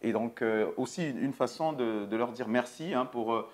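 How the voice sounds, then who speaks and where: A man's voice: medium pitch, moderate pace. A middle-aged man from the Republic of the Congo co-hosting a casual chat with his daughter, talking hesitantly with many fillers and repeats. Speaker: nurse and co-host.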